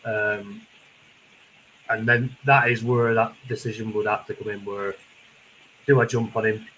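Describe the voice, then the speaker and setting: A man's voice: fairly low pitch, flat delivery, unhurried, a bit bright, a little hiss or hum, low-quality recording. A man with a Lancashire accent hosting a casual podcast, sitting in a conservatory in heavy rain. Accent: Lancashire English. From Lancashire, northwest England. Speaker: fantasy football podcast host.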